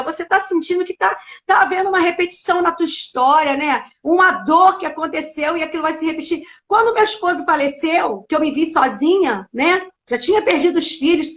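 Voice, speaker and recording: A middle-aged woman pastor hosts an online show and talks through a personal testimony with deep feeling. Her voice sits very high, and it swells toward near-shouting when she is most moved. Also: brisk, few pauses. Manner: heartfelt, at times rising to near-shouting. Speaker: pastor hosting a live show. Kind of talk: emotional personal testimony in casual chat.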